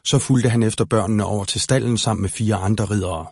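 Man narrating a children's storybook, husky, dry close mic. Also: on the low side, no echo. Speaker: audiobook narrator.

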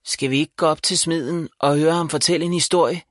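A man voicing a bold, excitable young village boy in a children's audiobook, with an emphatic manner. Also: on the high side, no room sound, pitched above the performer's own voice, lightly acted. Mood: indignant. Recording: dry close voice.

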